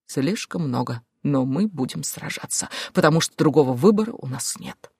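Lady reading as a steady protective guy, lower firm voice, dry close sound. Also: fairly quick, slightly rough, no room sound, heavily acted. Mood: commanding. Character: steady, protective adult male leader. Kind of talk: audiobook character voice.

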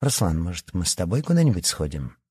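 A man voicing a vain, pushy teenage girl in an audiobook, speaking high and loud. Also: big pitch swings, fast talker, breathy edge, no echo, clean studio sound, exaggerated voice. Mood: eager. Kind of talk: audiobook character voice.

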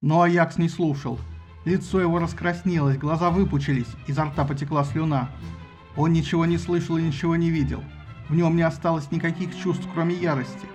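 A man reading an audiobook with lively, ironic storytelling. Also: on the high side, brisk, soft background music. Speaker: narrator. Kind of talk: audiobook narration.

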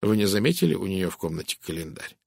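Man reading as a stern belgian detective, low voice, gravelly, deliberate, audiobook. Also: big pitch swings, no echo, clean studio sound, full character voice. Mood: probing. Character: fussy polite Belgian male detective, stern.

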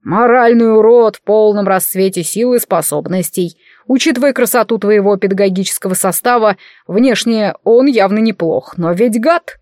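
A woman's voice: mid-range voice, moderate pace, hardly any pauses, a little mellow, no room sound, clean studio sound, close to an everyday voice. A woman voicing a cheeky, fussing male familiar who is a small walking cabinet, in an audiobook. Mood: teasing.

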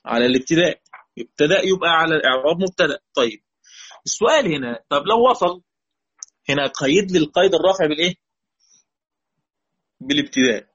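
Husky Egyptian sheikh teaching. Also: male voice, a little high, animated, fast talker, pauses often, fairly bright tone. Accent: Egyptian Arabic. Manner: questioning students, repeating key phrases. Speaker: Quran recitation teacher. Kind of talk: lesson. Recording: dull lo-fi recording.

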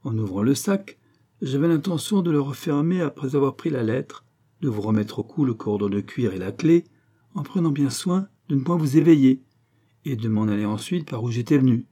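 A man reading an audiobook and voicing a smooth-talking, menacing male villain with falsely genial politeness. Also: medium pitch, animated, moderate pace, dark tone, natural voice. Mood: mock-polite.

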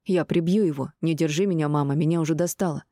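A woman's voice: low-pitched, quick pace, dark tone, dry recording, studio quality, lightly acted. A woman reading a hot-tempered grown son. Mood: agitated. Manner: blunt, agitated. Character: hot-tempered adult son, frowning and shocked.

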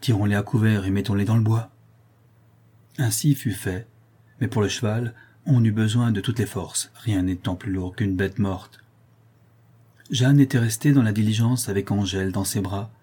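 A man reads a historical novel aloud with measured, even storytelling. His voice is low and dark, with a husky grain. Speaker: audiobook narrator. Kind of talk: scripted narration of a historical novel.

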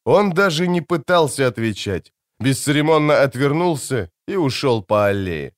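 A male audiobook narrator telling the story expressively, his pitch rising and falling in a lively way. The voice sits at an ordinary middle pitch. The recording is close and dry, with no room sound. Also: normal speed, no room sound. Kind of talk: scripted narration.

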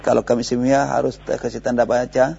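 A man's voice: mid-range voice, little pitch movement, brisk, vocal fry, dark tone, husky. A man with an Indonesian accent teaching Arabic grammar in a recorded lesson, patiently explaining and quizzing his student step by step. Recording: dull lo-fi radio broadcast with faint hiss.

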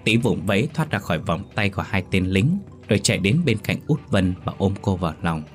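A man with a low voice narrates a ghost story in steady, solemn scripted storytelling. Faint background music runs beneath him throughout. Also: fairly quick.

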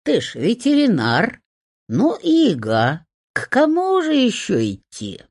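A cranky enchanted hut from a fairy-tale storybook, scolding its sleepy mistress in a high, grumbling voice, as a woman narrator puts her on. The voice swoops up and down with lively nagging energy. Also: measured pace, breathy edge, no room sound, studio quality, heavily acted. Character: grumpy bossy talking hut, female.

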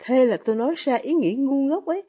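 A woman voicing a gentle, earnest young man in a storybook reading, pained and halting. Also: sits high, expressive, husky. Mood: remorseful.

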